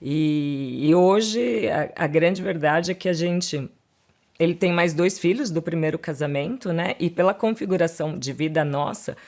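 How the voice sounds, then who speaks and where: A woman with a Brazilian Portuguese accent, a lawyer appearing as a podcast guest, chats fluently in a casual interview, often adding little tag questions. Her voice is on the low side, a little slow and a little mellow.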